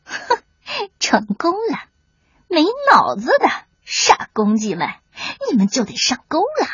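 A woman's voice: a little high, wildly swooping pitch, unhurried, fairly bright tone, breathy edge, no room sound, full character voice. A woman voicing a sly male weasel who sneers and snickers at the foolish roosters. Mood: sneering. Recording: dull lo-fi with faint music.

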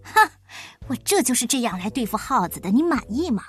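Brief: swaggering storybook hero cat, high and lively, a woman putting it on. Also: brisk, slightly rough, soft background music. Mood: cocky. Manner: swaggering, confident and playful.

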